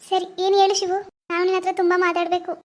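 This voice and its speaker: A woman's voice: extremely high pitch, completely flat delivery, fast talker. [name], a woman playing an anxious girl. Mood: worried. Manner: pleading, worried. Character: young village woman, timid and anxious lover.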